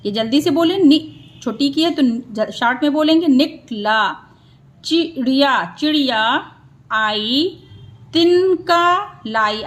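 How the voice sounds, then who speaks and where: A woman teacher sounding out words syllable by syllable for children, then explaining in quick bursts. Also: high voice. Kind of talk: children's phonics lesson.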